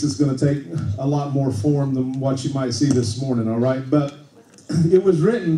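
A male pastor preaching a relaxed, conversational sermon, often checking in with the congregation and restarting his sentences. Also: mid-range voice, a little hiss or hum. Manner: conversational, tag questions like okay, frequent restarts. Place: church sanctuary. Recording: echoey church room, mic at a distance.

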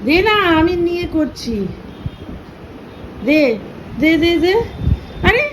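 High-voiced woman chatting at home. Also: animated, slow pace, background noise. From Bengal. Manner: chatty, teasing, coaxing. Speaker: vlogger. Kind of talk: casual family vlog chat.

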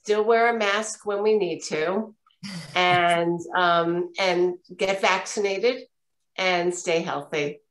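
A woman's voice: fairly low pitch, slow pace, rough recording. A woman hosting a video-call webinar, closing it out with lavish, repeated thanks and praise for the presenters. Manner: effusive, repeats herself, warm praise. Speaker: event host thanking presenters. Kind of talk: casual webinar wrap-up.

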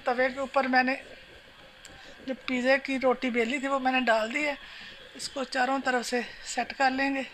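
A woman with a high-sitting voice, host of a home cooking channel, calmly explains a recipe step by step at a moderate pace while she cooks in her home kitchen. Her manner is calm and instructional as she talks while working, captured on a noisy home phone recording.

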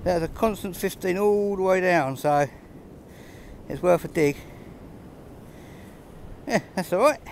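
A man talks through his finds on a pebble beach in a relaxed, understated way, with little chuckles as he goes. His voice sits a touch high. A faint outdoor hiss stays behind him on the handheld camera. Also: a little slow, gravelly, pauses often. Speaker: metal detecting vlogger. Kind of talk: casual running commentary while detecting. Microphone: camera held close, filming his hands.

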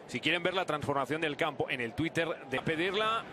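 Excitable football commentator, noisy man. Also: fairly high pitch. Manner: excitable, surging into drawn-out shouts at goals. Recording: very noisy outdoor stadium ambience.

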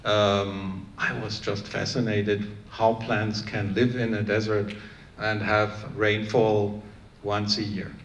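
A man's voice: on the low side, level tone, slow. A middle-aged man from Iran who grew up in Germany, a plant scientist answering on a panel, earnest and often restarting his sentences, on a handheld mic in a conference room. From Iran, raised in Germany. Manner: earnest, many restarts and fillers. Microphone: handheld microphone. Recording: echoey room, faint room noise.

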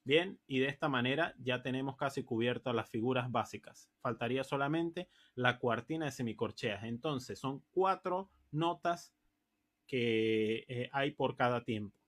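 A male music teacher, speaking at an unhurried pace in a mid-range voice. He walks through rhythm exercises step by step. He counts the beats aloud and chants simple syllables, pausing often to check that his students are following. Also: medium pitch, a bit bright. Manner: checks in with frequent "¿sí?" and "¿ok?". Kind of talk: rhythm reading lesson.

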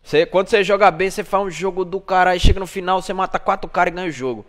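A man's voice: high voice, quick pace, a bit bright. A man with a Brazilian Portuguese accent streaming a game live, trash-talking and greeting chat viewers.

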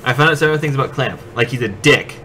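A man's voice: medium pitch, fast talker, sharp tone, a little hiss or hum. Sarcastic, crude man playing a game. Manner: sarcastic, crude, jokey, swears a lot. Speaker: gameplay commentator. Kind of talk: casual let's play banter.

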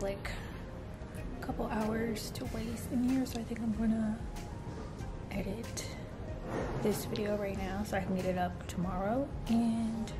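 A young woman vlogging her day on her phone camera, chatty and a little self-conscious, with lots of "like". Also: mid-range voice. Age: young adult. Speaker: vlogger, community college student. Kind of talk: casual day-in-my-life vlog. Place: campus library, then home. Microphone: phone camera at arm's length.

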